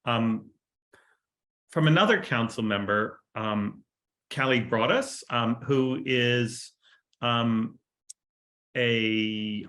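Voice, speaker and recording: Gravelly-voiced male moderator. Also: lowish voice, sharp tone. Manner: hesitant, many ums. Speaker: interviewer reading audience questions. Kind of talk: moderating a conversation.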